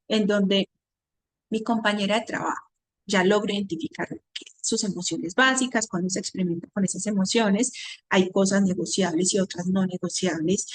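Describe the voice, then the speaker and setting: A woman's voice: mid-range voice, dry recording. Woman psychologist explaining with rhetorical questions. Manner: explains with rhetorical questions and repeated everyday examples. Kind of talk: teaching a talk on emotional intelligence.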